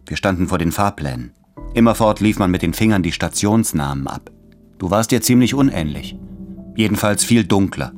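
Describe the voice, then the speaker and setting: A tense, stubborn man in a radio play who refuses to go to his lover. His voice sits low, and faint music runs behind him. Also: animated, moderate pace.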